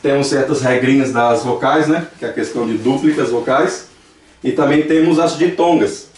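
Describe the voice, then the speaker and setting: A Brazilian man who teaches Dutch is giving a classroom lesson in a church, his mid-range, slightly mellow voice moving at a moderate pace. With a Brazilian Portuguese accent, he explains patiently and repeats examples aloud. The room echoes, and the mic is placed at a distance.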